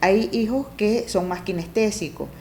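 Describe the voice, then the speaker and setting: A woman's voice: moderate pace, slight background noise. A middle-aged woman, a family coach and guest on an interview, explaining parenting with frequent "do you see?" check-ins and acted-out talks with a child. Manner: acts out parent-child talk with lively pitch jumps. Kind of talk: conversational interview.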